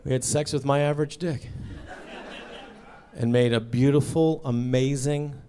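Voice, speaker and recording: A man doing a stand-up comedy set on stage, telling a story with lively delivery and acting out the voices of the people in it. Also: mid-range voice, a little slow, a little hiss or hum. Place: comedy club stage before a live audience.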